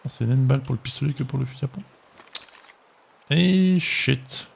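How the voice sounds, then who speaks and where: Over game music, a French-accented man streams himself playing, chatting casually and grumbling at the game in mock exasperation. His voice is medium in pitch, creaky and husky, and he keeps a moderate pace.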